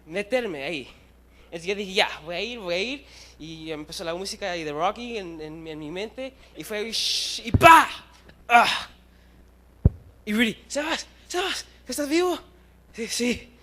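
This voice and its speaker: This young Chilean man, in his twenties, has a high, sharp-toned voice as he preaches informally to young people in a church hall. His sermon runs on casual stories, jokes at his own expense, and the odd English word.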